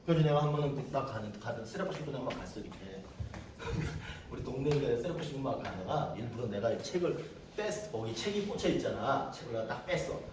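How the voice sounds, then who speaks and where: A middle-aged male pastor telling stories in a conversational sermon, sometimes shouting quoted lines. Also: medium pitch, lively intonation, brisk, noisy background. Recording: echoey room from a distance.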